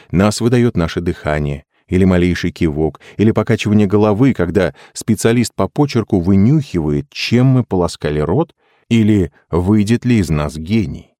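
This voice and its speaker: Deep-voiced man reading a novel. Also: no echo, studio quality. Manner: expressive first-person reading that voices the dialogue. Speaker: audiobook reader. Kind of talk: literary audiobook narration.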